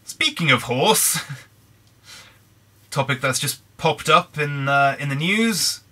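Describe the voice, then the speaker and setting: A young British man with a hoarse, croaky throat, chatting in a rambling way over a Minecraft let's play. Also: a little high, animated, slow, bright, forceful tone. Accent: British English. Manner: rambling, chatty, frequent restarts. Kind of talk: casual gameplay commentary.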